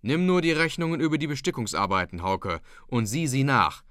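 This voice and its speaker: A man voicing a gruff, blustery old dike reeve in an audiobook reading, booming and loud. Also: very animated, brisk, dry recording, clean studio sound. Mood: grumbling. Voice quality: booming bear-like voice. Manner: loud, raised and jovial.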